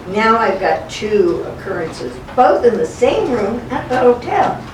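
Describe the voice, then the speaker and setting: An older woman, speaking as a guest local historian inside a historic log cabin, delivers live stories in a homey, conversational style and dramatizes the dialogue. Her pitch is medium, there's slight background noise, and a distant microphone captures the roomy space with music behind her.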